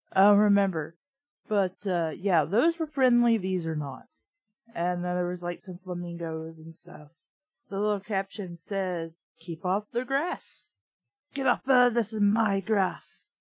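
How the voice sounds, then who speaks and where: A host reads a children's book aloud casually, breaking off into snarky, rambling, conversational asides. Her voice is on the low side and a little mellow, with no echo.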